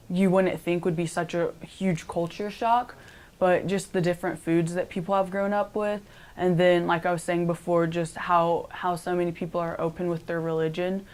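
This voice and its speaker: A young college-age woman talks through her interview answers in a relaxed, chatty way. She keeps dropping in "like" and "um" as she thinks aloud. Her voice sits a bit low for a woman. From Cambodia. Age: young adult. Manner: chatty, many "like" and "um" fillers.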